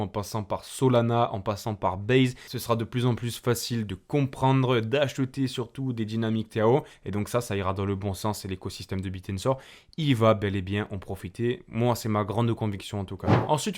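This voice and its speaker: A man's voice: medium pitch, darkish tone. A man with a French accent hosting a casual market commentary, chatting to the viewer and walking through charts. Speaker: crypto channel host.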